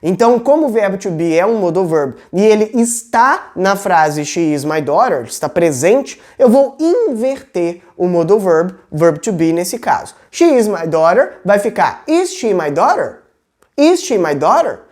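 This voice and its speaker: A woman's voice: fairly low pitch, lively intonation, unhurried, hardly any pauses, darkish tone. A woman with a Brazilian Portuguese accent teaching English in a video lesson. She explains patiently and keeps checking in with the viewer.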